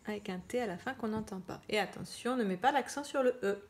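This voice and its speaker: A woman teacher giving children a slow spelling dictation, repeating each word and spelling it out. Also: medium pitch. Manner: slow, deliberate, spells out words and repeats them. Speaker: primary school teacher.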